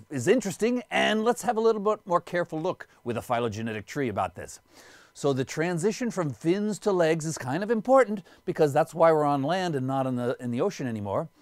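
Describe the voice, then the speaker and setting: A man's voice: on the high side, a little mellow, no echo. A man giving a biology lecture, explaining things step by step and pointing them out as he goes.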